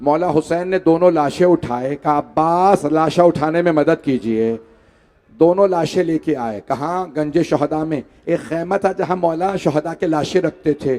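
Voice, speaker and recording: A man with a high-pitched voice delivers a mourning sermon to a gathering. He pleads with his listeners and rises into loud, wailing lament as he recites. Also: measured pace. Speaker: majlis orator. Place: mosque hall.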